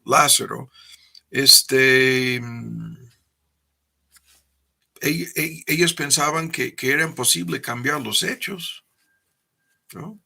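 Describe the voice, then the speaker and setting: A man's voice: a little high, vocal fry, pushed and bright. A middle-aged man preaching a teaching sermon, repeating words and often tagging "¿no?" onto his points. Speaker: pastor.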